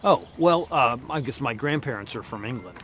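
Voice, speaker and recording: A man's voice: medium pitch, animated, normal speed, a bit bright, a little hiss or hum, natural voice. An actor in a comedy sketch, playing an eager, oblivious man who chatters on.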